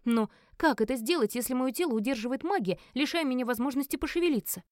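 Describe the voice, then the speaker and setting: A woman narrating a first-person fantasy audiobook with an expressive, dramatic reading. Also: high-pitched, quick pace, no room sound, studio quality.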